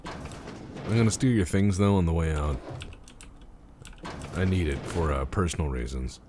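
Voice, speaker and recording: A man's voice: low-pitched, animated, a little slow, background noise. A man hosting a gaming video with casual, jokey, crude commentary and some swearing. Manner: jokey, crude, sweary, plays around with silly voices.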